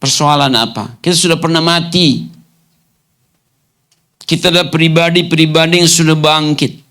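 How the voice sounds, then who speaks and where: A male pastor preaching a sermon to his congregation, firing off rhetorical questions and rising into commanding, almost shouted lines. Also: fairly high pitch, fairly even intonation, normal speed. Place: church hall.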